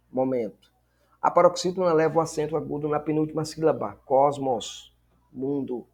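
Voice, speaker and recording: A man's voice: on the high side, gravelly, darkish tone, slightly rough. A man teaching a lesson, explaining step by step and often checking in with "né?" and "tá vendo?". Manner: explanatory, repeats words and asks "né?" and "tá vendo?" often. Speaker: Greek teacher. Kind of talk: recorded lesson.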